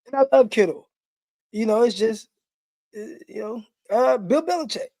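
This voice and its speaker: A man with a very high, warm, expressive voice co-hosts a live football podcast with no echo on the sound. A former pro football player, he talks draft in a loose, conversational way, enthusiastic and opinionated, with quick asides.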